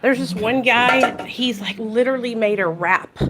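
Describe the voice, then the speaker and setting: A woman vlogs directly to camera about addiction recovery, speaking a little slowly in a fairly high pitch. Her strong voice is passionate and blunt, and she swears freely in this casual talk. Clicks and kitchen clatter come through clearly in the background.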